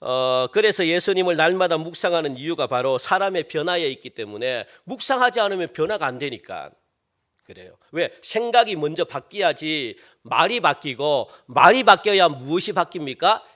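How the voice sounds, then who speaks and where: A pastor preaching a sermon in a church, asking questions and answering them himself, repeating phrases and dropping to a hush on key words. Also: male voice, fairly high pitch, sing-song, moderate pace. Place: church sanctuary.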